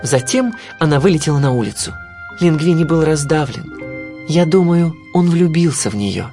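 A man's voice: a little high, expressive, moderate pace, mellow, faint music behind. A man reading a children's storybook aloud as narrator, telling it in the first person with expression.

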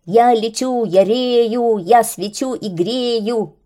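A woman's voice: fairly low pitch, expressive, a little slow, warm tone. A woman voicing a boastful, grumbling male paper kite in a children's story. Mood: singing boastfully.

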